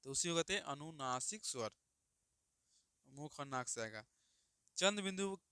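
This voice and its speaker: Male teacher, smooth and bright voice, drilling students by repeating questions. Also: a little high, dry recording, studio quality. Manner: repeats questions and answers them himself, calls students "babu". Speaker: Hindi grammar teacher. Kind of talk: classroom lesson for students.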